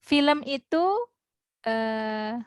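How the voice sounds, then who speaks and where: A woman teaching an online English class, explaining slowly and modeling English phrases. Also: on the high side, noisy background.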